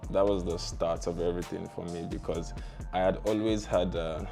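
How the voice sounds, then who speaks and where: A man's voice: low-pitched, fairly even intonation, normal speed, gravelly, warm tone, soft background music. A young Nigerian man with a Nigerian accent, a startup founder relaxedly telling his life story in an interview, with slangy asides and easy laughs.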